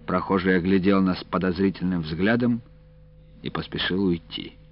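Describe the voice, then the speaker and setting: A man narrating a story in a measured, expressive reading. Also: low voice. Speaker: audiobook narrator. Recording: dull, dry lo-fi audiobook recording.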